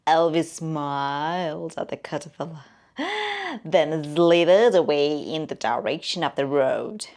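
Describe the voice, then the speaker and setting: A woman narrating a children's story as a friendly owl, in a slow, expressive way that often drops to a whisper. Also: sits low.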